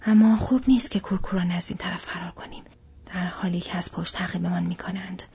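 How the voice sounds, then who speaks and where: A woman whispering the lines of a grave, resolute male ranger leader in whispered role-play, in a breathy whisper. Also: fairly low pitch, steady tone, darkish tone, dull audio, exaggerated voice.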